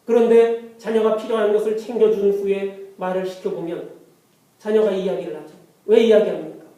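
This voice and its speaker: A man's voice: high voice, fairly even intonation, normal speed, warm tone. Man preaching a sermon, asks the crowd questions, big echo, mic way off. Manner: asks the congregation rhetorical questions. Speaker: pastor. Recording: echoey hall, distant mic.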